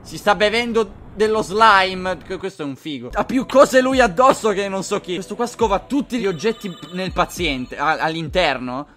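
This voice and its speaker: A young man giving crude, sarcastic commentary while playing a game, often yelling. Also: sits high, normal speed, hardly any pauses, over music. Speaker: gaming video host. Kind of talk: casual gameplay commentary.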